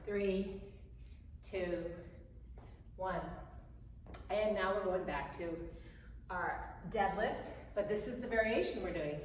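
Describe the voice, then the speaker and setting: A woman's voice: medium pitch, slow, long pauses. Echoey, distant woman counting out workout reps. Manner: counting workout reps and cueing moves in short phrases; encouraging. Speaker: fitness instructor hosting a workout. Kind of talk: home workout coaching while demonstrating exercises. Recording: very echoey room, distant mic, faint noise.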